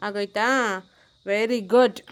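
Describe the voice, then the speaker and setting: A woman filming a casual home vlog, talking gently and coaxingly as a mother and chatting to her viewers. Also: mid-range voice, steady tone, unhurried, smooth. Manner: gentle, coaxing, soft-spoken. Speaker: vlogger and mother.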